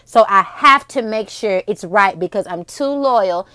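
Smooth-voiced young woman preaching casually. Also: mid-range voice, a little slow, no room sound, studio quality. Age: 20s. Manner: lively storytelling, preachy asides. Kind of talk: faith-based talk to camera.

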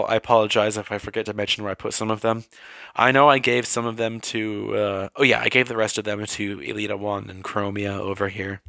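A man's voice: on the low side, pushed and bright, no room sound. A man casually walking through his toy collection, rambling, correcting himself and getting worked up in short rants.

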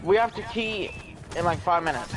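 A young man chatting with a teammate during an online game, making quick callouts with sudden excited bursts, on a headset. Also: sits high, music in the background. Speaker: gamer streaming a match. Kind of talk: casual gaming chat with a teammate. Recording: noisy game audio behind.

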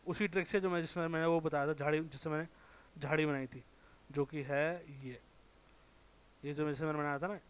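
A man with a sore throat giving a casual, informal software tutorial, thinking aloud, correcting himself and muttering as he works. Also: fairly high pitch, clear, resonant tone. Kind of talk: casual screen-recorded tutorial.

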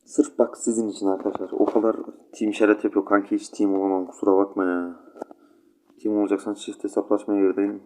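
A man's voice: fairly low pitch, little pitch movement, fast talker, dark tone, rough recording. A sleepy young man with a stuffy nose, rambling chattily to his viewers while commenting on his gameplay. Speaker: gaming channel host.

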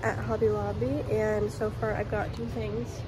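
In a casual to-camera vlog recorded on a phone at arm's length in a bedroom and car, a young woman chats in a rambling way, her voice affected by a cold. It is medium-pitched with little pitch movement and moderate pace, over background noise.

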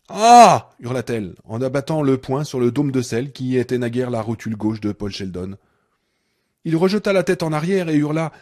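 A man narrating a novel in a measured, dramatic audiobook reading. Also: medium pitch, warm tone. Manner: measured, dramatic, darkening on tense passages.

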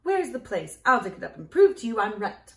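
A woman's voice: a little high, very animated, fairly quick, a bit bright. A woman voicing an earnest, curious young farm girl in a storybook reading, with a raised, wide-eyed tone, in a roomy, echoey recording. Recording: roomy echo.

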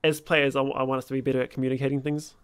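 A man, chatting informally and haltingly about games as a streamer, swearing casually. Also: medium pitch, flat delivery, clean tone, dry recording. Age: 20s. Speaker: streamer and host of a gaming series. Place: small room at home. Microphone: close desk microphone.

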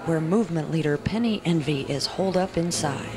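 A woman's voice: low voice, fairly quick, natural voice. A young woman playing an earnest, sensationalist TV field reporter in a portentous parody news anchor style. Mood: dramatic. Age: young adult. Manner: melodramatic, portentous news delivery. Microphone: handheld microphone.

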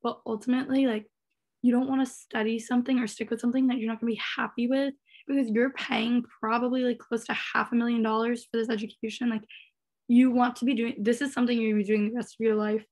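A woman in her twenties, a recent graduate on a panel, telling a story in fast, chatty talk over a laptop microphone on a video call. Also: fairly high pitch, little pitch movement, a little mellow. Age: 20s.

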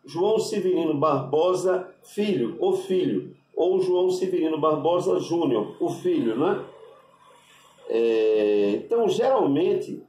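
A man with a Brazilian Portuguese accent, a rabbi giving an unscripted religious lesson, deliberate and spelling out Hebrew letters with constant tag questions. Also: on the high side, expressive, darkish tone, distant mic, slight background noise. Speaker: rabbi teaching Hebrew names. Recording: echoey room, voice off-mic.

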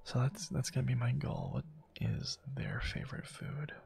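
A man quietly whispering casual ASMR gameplay commentary, musing aloud to himself as he plays, with keyboard and mouse clicks. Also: mid-range voice, huge pitch swings, normal speed, vocal fry, soft background music. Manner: soft-spoken, musing aloud while playing. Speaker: gameplay channel host.

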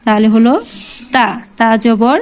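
A woman teaching Quran reading step by step, slowly repeating each syllable in drills. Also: a little high, flat delivery, rough recording. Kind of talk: step-by-step lesson.

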